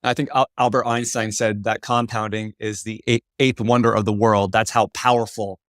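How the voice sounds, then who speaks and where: A man hosting a podcast conversation in a thoughtful, measured way. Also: on the low side, little pitch movement, dry recording, clean studio sound.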